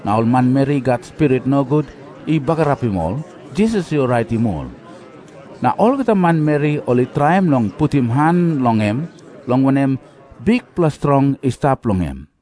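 A man's voice: mid-range voice, animated, normal speed, warm tone. A man with a Papua New Guinean accent narrates scripture as a scripted reading. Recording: music behind the voice. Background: background music.

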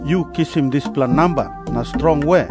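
A man's voice: a little high, normal speed, over music, lightly acted. A man with a Papua New Guinean accent playing a suspicious, calculating temple priest in a scripture drama. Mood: demanding.

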